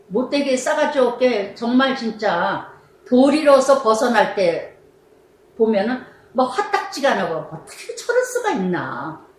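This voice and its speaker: A woman's voice: fairly high pitch, echoey room, a little hiss or hum, rough recording. A middle-aged woman pastor preaching a sermon, stressing her points by repeating phrases.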